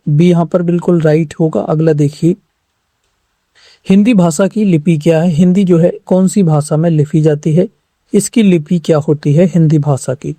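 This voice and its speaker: Dark-voiced, drilling exam-prep teacher. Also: male voice, a little high, no room sound. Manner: repeats each question and answer as a drill, urging viewers to respond quickly. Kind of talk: online exam-prep lesson.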